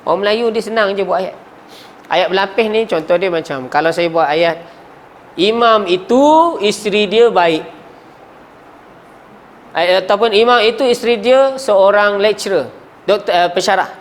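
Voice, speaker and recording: A Malaysian man teaching a class with a high, light voice and a Malaysian Malay accent. He keeps putting questions to his students and sometimes trails off mid-word. Faint hiss sits under the classroom recording. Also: brisk. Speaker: Arabic grammar teacher. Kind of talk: classroom lesson.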